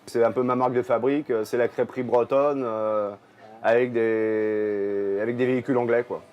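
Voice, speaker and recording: A man's voice: medium pitch, normal speed, clean tone, highs cut off. A man running a mobile creperie, explaining his business casually with many hesitations. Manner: relaxed, with frequent hesitations. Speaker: creperie owner interviewed. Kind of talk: casual interview.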